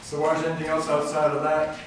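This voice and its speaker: A man's voice: fairly high pitch, monotone, fairly quick. An older man giving an earnest, patriotic public comment at a city council meeting. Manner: earnest, patriotic, tells jokes. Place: council chamber. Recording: very echoey room, distant mic, faint noise.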